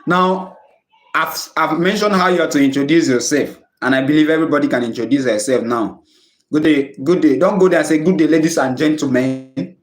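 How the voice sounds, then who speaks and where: Nigerian guy teaching on a live stream, laughy and chatty, fairly high voice, echoey room. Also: brisk. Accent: Nigerian English. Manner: chatty, laughs often at his own jokes; mixes in Pidgin phrases. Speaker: tutor.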